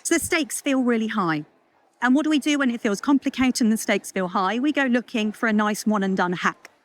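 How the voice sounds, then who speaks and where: A woman giving a chatty, lively conference talk, full of jokes and asides. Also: on the high side, brisk. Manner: lively, chatty, self-deprecating with puns and asides. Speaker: culture consultant speaker. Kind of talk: conference talk to a live audience.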